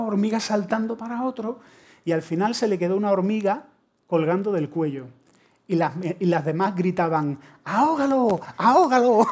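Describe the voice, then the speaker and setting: Spanish-accented man preaching a lively sermon. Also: high voice. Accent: Spain Spanish. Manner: animated storytelling with humor.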